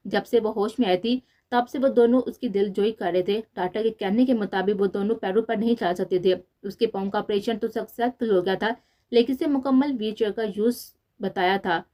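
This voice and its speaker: A woman's voice: medium pitch, fairly quick, mellow. Woman narrating an audio novel.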